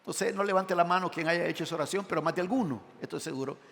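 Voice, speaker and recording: A man preaches in a church, his slightly high voice trailing off into a long hall reverb. He reads scripture aloud and puts questions to the congregation. His delivery swings from loud emphatic lines to quiet, low asides. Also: very fast, creaky. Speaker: pastor. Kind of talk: sermon. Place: church sanctuary.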